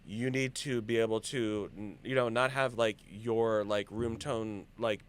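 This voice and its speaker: A man's voice: lowish voice, fairly even intonation, a little slow, smooth. A man speaking as a guest on an online acting Q&A over a video call, blunt and emphatic, full of casual fillers. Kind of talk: casual conversational chat.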